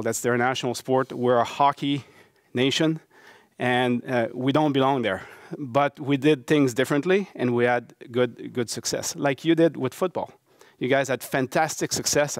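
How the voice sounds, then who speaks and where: A middle-aged man from Quebec City, Canada, a professor and baseball coach, gives a conference talk in a university lecture hall with a Québécois French accent. His medium-pitched voice is recorded at studio quality, and he speaks earnestly with lots of fillers and restarts.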